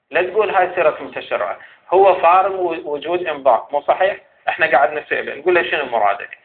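A man with an Iraqi Arabic accent giving a seminary lecture, arguing point by point and posing questions to the scholar he rebuts. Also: sits high. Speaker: teacher of Islamic jurisprudence. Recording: tinny phone-like sound.

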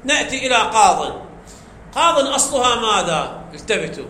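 A man's voice: very high voice, sing-song, brisk, pushed and bright. A man teaching a grammar lesson, explaining step by step and quizzing his class with questions he answers himself. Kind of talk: classroom lecture. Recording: echoey room, faint background noise.

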